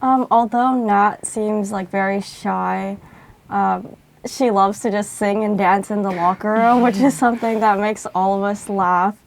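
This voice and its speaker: A young woman and college athlete speaks fondly about a teammate, her voice full of gravelly fry. She talks unhurriedly and fills pauses with "um" and "like". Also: mid-range voice, steady tone, slight background noise. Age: young adult. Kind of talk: casual interview comment.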